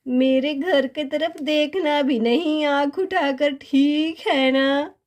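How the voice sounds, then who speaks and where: A woman's voice: sits high, slow pace. A woman voicing a fierce grandmother who scolds and threatens a witch in a doll story.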